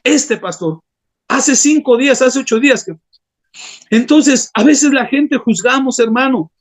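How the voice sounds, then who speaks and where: A man's voice: extremely high pitch, measured pace. A man preaching an impassioned sermon as a pastor, often calling his listeners brothers. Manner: impassioned, keeps addressing the congregation as brothers.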